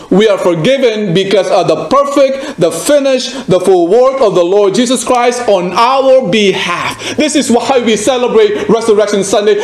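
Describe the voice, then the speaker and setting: Guy preaching a sermon, high voice, slow and emphatic, echoey church room. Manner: emphatic, repeats phrases, asks the listener direct questions. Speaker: pastor.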